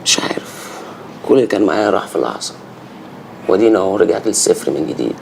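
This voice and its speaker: A despairing Egyptian man, low and thick with gravel. He speaks briskly and grimly about his losses. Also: animated, darkish tone, slight background noise, full character voice, low-quality recording.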